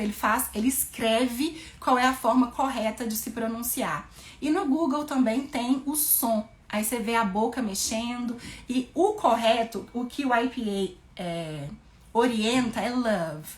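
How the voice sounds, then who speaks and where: A woman English teacher in a casual lesson, spelling out words and slowing down for English examples. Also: fairly high pitch. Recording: echoey room.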